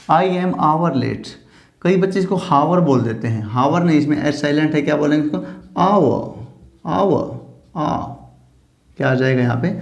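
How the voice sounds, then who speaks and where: A male teacher giving a grammar lesson, explaining in Hindi, reading English example sentences slowly, and asking questions he answers himself. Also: on the high side, darkish tone. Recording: echoey room.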